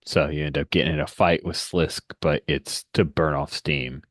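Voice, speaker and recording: A man's voice: a bass voice, steady tone, moderate pace, no room sound, studio quality. A man talking casually as game master of a tabletop game.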